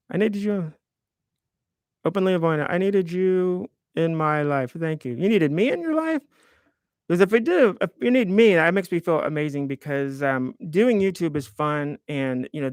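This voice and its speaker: A man's voice: mid-range voice, smooth, no echo, studio quality. A man in his fifties hosting a live stream, chatting casually and in a rambling, self-deprecating way while reading viewer comments aloud. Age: 50s.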